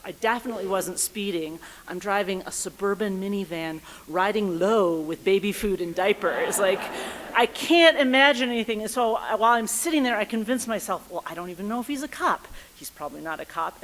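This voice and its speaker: A woman's voice: mid-range voice, a bit bright, a little hiss or hum. A woman in her thirties tells a personal story live on stage, acting out voices and thoughts with comic timing. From United States. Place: theater stage before a live audience.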